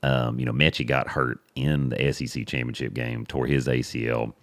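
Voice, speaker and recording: A man's voice: a bass voice, little pitch movement, normal speed, no echo. A man co-hosting a podcast in casual sports chat, rambling and repeating words as he finds his point. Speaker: podcast co-host.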